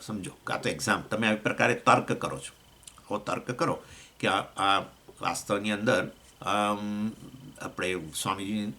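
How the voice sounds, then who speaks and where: A man with a Gujarati accent teaching a scripture class, explaining with questions to his listeners and swinging between raised points and low asides. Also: gravelly, pushed and bright. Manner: explains with questions to listeners, acts out voices of elements. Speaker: swami teaching Vedanta.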